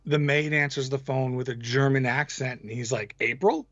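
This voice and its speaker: A man's voice: medium pitch, steady tone, normal speed, fairly bright tone, lo-fi sound. A man co-hosting a movie review podcast, blunt and exasperated, swearing casually. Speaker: podcast co-host.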